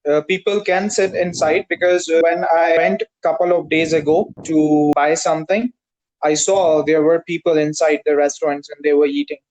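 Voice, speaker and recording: A man from Pakistan practicing English over a video call, speaking carefully with many "uh" pauses. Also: fairly high pitch, flat delivery, a little mellow, rough recording. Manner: careful, hesitant, frequent "uh" pauses. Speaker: English learner. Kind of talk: conversation practice.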